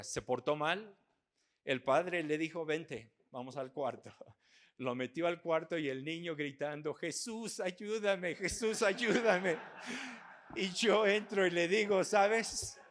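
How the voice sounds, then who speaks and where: An older man preaching an earnest sermon at a church men's conference, rising into loud, emphatic passages. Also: a little high.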